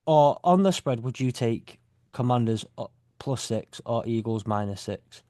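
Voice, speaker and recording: Unhurried and mellow, a medium-pitched male voice with lively intonation hosts a casual podcast, recorded dry. He's from the UK and tends to ramble, joke around and correct himself mid-thought.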